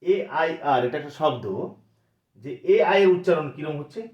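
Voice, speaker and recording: A man teaching a lesson in a fairly high voice. He repeats sounds again and again and asks himself questions. The room gives a clear echo. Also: dull audio. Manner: repeats sounds slowly, asks and answers his own questions. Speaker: English teacher. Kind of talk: classroom lesson. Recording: roomy echo.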